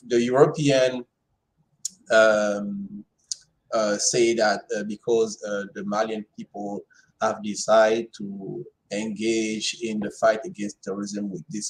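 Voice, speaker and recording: Brief: male co-host, lowish voice, hesitant, restarts often. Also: rough recording. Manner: hesitant, many fillers and restarts. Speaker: podcast co-host. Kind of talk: casual panel discussion.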